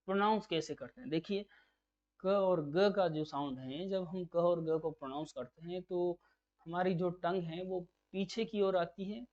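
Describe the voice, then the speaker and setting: A man's voice: high-pitched, a little mellow. Man teaching phonetics, dull recording. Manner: patient, repeats key terms as questions to drill them. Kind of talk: exam-prep lecture.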